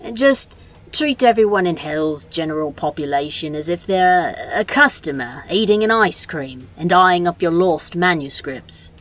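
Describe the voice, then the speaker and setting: A woman voicing a sardonic, bossy male demon in a fan audio drama, talking in a dry, exasperated, scolding way. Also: sits low.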